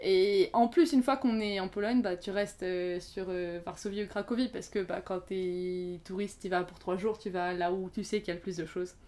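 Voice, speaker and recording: A woman's voice: medium pitch, steady tone, normal speed, hardly any pauses, dark tone. Chatty young woman, casual talk. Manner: chatty, many fillers and restarts. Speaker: podcast guest. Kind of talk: casual conversation.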